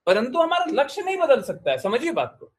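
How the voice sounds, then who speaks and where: A man's voice: very high voice, huge pitch swings, brisk. A man giving a devotional discourse, exhorting his listeners with repeated short commands and questions. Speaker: spiritual teacher.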